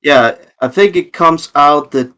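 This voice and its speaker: A man's voice: on the high side, a little slow, pushed and bright. Hesitant male podcast guest. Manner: hesitant, restarts and qualifies often. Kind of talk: casual chat.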